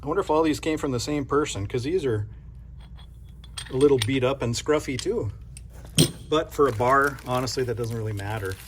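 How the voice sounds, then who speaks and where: A man's voice: medium pitch, moderate pace, pauses often, noisy background. A man from North Dakota who runs a coin shop, chatting casually and thinking aloud as he unboxes silver bars, with self-deprecating asides.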